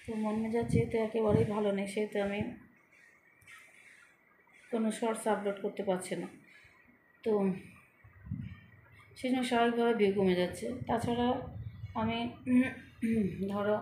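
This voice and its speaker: A middle-aged woman vlogging casually at home, speaking softly and slowly in a calm way. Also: fairly high pitch. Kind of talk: casual personal vlog talk. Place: room at home. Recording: echoey room with loud background noise.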